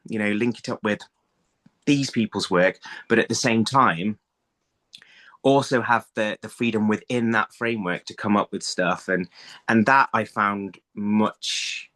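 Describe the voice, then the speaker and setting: A middle-aged audio drama writer, heard through his phone on a video call, speaks casually as an interview guest from a small home room. The voice is lowish, bright and forceful in tone. He frequently changes course mid-thought to rephrase.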